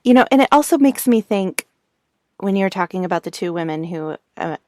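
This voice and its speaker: A woman's voice: medium pitch, animated, brisk, darkish tone, dry recording, clean studio sound. A woman hosting an interview, responding with affirming enthusiasm. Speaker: podcast host. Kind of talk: casual interview chat.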